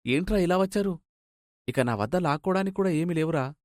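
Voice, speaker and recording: A man voicing a humbled young husband in an animated storybook, speaking in a resolute, chastened way. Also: on the high side, brisk, no echo, studio quality, pitched above the performer's own voice, lightly acted. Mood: downcast. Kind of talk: storybook voice acting.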